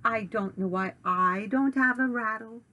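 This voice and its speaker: A woman's voice: fairly high pitch, measured pace, bright, forceful tone, dull audio, slight background noise. A woman voicing a little baby boy rattlesnake from a storybook, who complains plaintively. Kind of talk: storybook reading.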